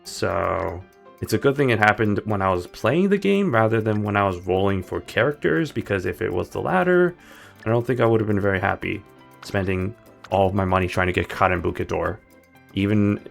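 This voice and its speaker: Gravelly low-voiced male game streamer. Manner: rambling, self-correcting, playful asides. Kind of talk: casual gameplay commentary. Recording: background game music.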